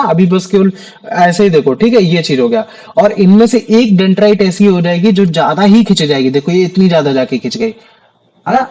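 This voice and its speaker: A man's voice: high voice, darkish tone, rough recording. A young man teaching a science class in a casual way, often repeating key terms as questions to his students.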